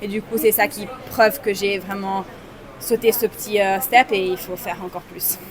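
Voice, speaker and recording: A woman's voice: mid-range voice, steady tone, moderate pace. A woman in her twenties, an athlete and native Italian speaker with a slight Italian accent, talking in a hesitant way and searching for her words after a race. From Italy. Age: 20s. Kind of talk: post-race interview. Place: outdoors at a stadium. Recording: crowd noise behind.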